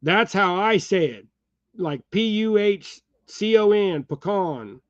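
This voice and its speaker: A man's voice: high voice, slow, fairly bright tone, clear, resonant tone, no room sound, highs cut off. Rambling middle-aged American man with a slight Texas twang. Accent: Texas-tinged American, says y'all. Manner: rambling, chuckling, talks to viewers by name. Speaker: channel host. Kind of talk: casual chat while tying jigs. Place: home workshop.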